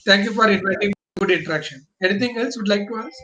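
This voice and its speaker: A man's voice: sits high, fast talker, sharp tone. A man from Bangalore, explaining business as an interview guest in emphatic, choppy phrases with rhetorical questions. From Bangalore, India.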